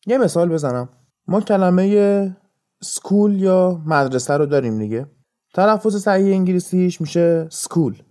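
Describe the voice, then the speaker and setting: Warm-voiced male podcast teacher. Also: fairly high pitch. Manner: patient, explains step by step with examples. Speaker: podcast host and English teacher. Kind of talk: explanatory podcast lesson.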